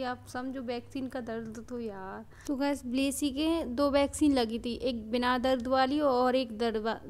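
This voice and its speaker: A young woman vlogging casually at home as a mother, chatty and repeating words for emphasis, sometimes slipping into sing-song baby talk to her daughters. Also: on the high side. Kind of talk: casual home vlog chat. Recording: noisy home recording.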